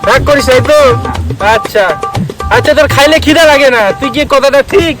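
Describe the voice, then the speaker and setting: A man with a very high voice and a plays a sly fake holy man. He keeps coaxing and asking the same questions over and over. Music plays behind him. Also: fairly quick. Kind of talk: comic sketch dialogue.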